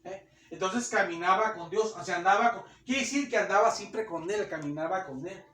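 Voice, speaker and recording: A man's voice: sits high, normal speed, fairly bright tone. A man preaching a sermon in a conversational way, repeating phrases and acting out the voices of churchgoers. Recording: echoey room, distant mic.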